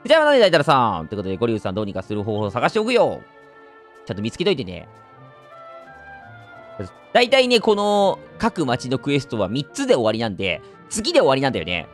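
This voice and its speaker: A man's voice: mid-range voice, wildly swooping pitch, quick pace, soft background music. A man with a Kansai accent, giving chatty let's-play commentary with wry asides. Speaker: game commentator.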